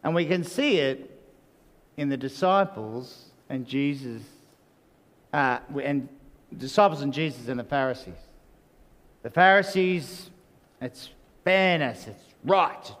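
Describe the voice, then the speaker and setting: Pastor in a reverberant hall. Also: male voice, mid-range voice, expressive, slow, long pauses, a bit bright. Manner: conversational, many "you know" asides. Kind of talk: sermon.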